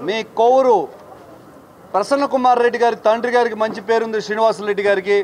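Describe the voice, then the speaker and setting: A man's voice: very high voice, fairly even intonation, fast talker, a little hiss or hum. A man with a Telugu accent giving a combative political statement to the press, scolding his rivals. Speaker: political party speaker.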